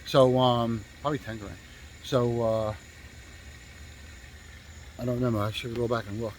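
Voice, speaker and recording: A man's voice: medium pitch, steady tone, normal speed, a little hiss or hum, rough recording. A male real estate agent telling a story in a casual, rambling way, swearing freely and stopping often to restart with fillers.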